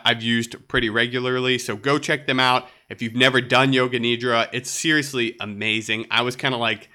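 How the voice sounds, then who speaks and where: A bright, clear-voiced man hosts a solo podcast, relaxed and upbeat. His voice has a slight nasal stuffiness from a cold. He keeps it conversational, checking in with listeners now and then. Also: mid-range voice. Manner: laid-back, upbeat, frequent "right?". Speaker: podcast host.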